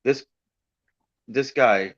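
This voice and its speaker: Quiet man chiming in. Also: mid-range voice, very slow. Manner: quiet, brief interjections. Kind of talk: casual chat. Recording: slightly dull, distant recording.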